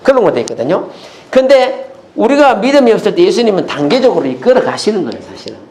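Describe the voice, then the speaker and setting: Animated high-voiced male pastor preaching. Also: quick pace, roomy sound. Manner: animated preaching, asks the congregation questions. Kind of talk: sermon. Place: church.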